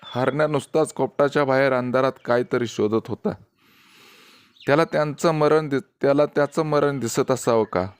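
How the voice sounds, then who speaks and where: A male storyteller reading his own village story aloud in an unhurried way, voicing the dialogue himself. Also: medium pitch, clean tone, no echo. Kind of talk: scripted story narration.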